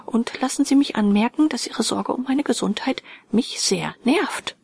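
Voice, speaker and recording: A woman voicing a proud, imperious young gentleman with a haughty, commanding manner. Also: on the high side, expressive, normal speed, vocal fry, husky, dry recording, pitched above the performer's own voice, heavily acted.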